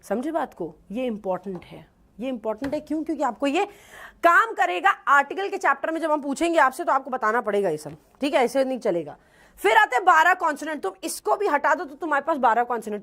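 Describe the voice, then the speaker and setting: A young woman giving an English lesson, quizzing her students with quick rhetorical questions. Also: sits high, sing-song, a bit bright. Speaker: English teacher for bank exams. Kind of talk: classroom lecture.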